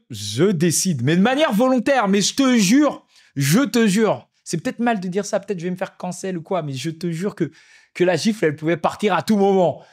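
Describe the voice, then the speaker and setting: Guy telling dad stories on a podcast, kinda high voice, reflective, repeats himself for emphasis. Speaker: podcast host and father. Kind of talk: casual storytelling monologue.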